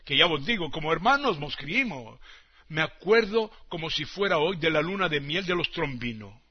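A man's voice: fairly high pitch, lively intonation, normal speed, slightly rough, dull audio. A man from Tangier, telling a teasing comic monologue to an audience and dropping in words from other languages. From Tangier, Morocco. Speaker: comic storyteller.

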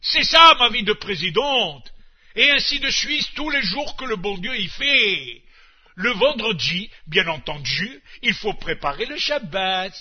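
A man's voice: sits high, very animated, measured pace, husky, heavily acted. A man voicing an exasperated middle-aged housewife with a North African French accent, rattling off long lists of chores and dishes. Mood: listing. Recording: muffled old radio recording.

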